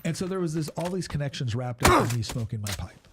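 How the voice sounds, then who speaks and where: A man's voice: on the high side, very animated, fast talker, heavy background noise. A middle-aged man giving marriage advice in a casual podcast chat, earnest and rambling with many restarts.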